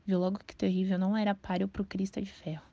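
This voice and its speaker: A woman calmly narrating a children's novel aloud in a storytelling manner. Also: medium pitch, fast, vocal fry, no room sound. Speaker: audiobook reader. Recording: dull, dry lo-fi recording.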